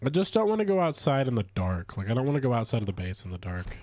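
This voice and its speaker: A man chatting casually while streaming a game, stuffy from a cold, rambling with lively swings in pitch. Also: quick pace, no room sound. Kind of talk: casual gameplay commentary.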